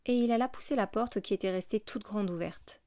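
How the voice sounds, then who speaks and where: A woman narrates a classic novel as an audiobook in a steady, measured reading voice. Her pitch sits in an ordinary middle range. The recording is dry and close, with no room echo.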